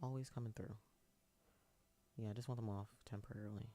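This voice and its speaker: Answering his live-stream viewers, a man in his 20s rambles and hesitates, restarting often and leaning on fillers. The voice is boyish yet lowish, with a steady, warm tone.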